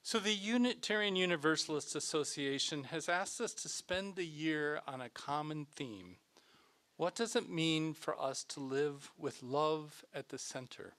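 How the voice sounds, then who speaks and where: A man's voice: on the high side, unhurried, a bit bright. A man minister giving a sermon in a conversational, enthusiastic way, correcting himself now and then as he goes. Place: fellowship sanctuary, also streamed on video call.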